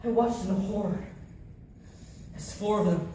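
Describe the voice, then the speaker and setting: This man's voice is high and dark-toned, and he takes his time. Playing an anguished soldier who tells of losing his comrades in battle, he delivers a first-person war monologue with intense theatricality, recorded from a distant mic in an echoey room with faint noise.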